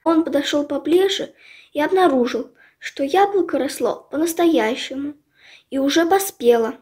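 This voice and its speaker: Woman reading a kids' fairy tale, high pitch, soft warm tone. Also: normal speed. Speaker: storyteller.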